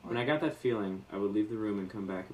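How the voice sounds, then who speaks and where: A man co-hosting a casual podcast, reading listener stories aloud and tossing in deadpan jokes. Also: lowish voice, fast. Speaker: podcast co-host. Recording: roomy sound from a distant mic with faint noise.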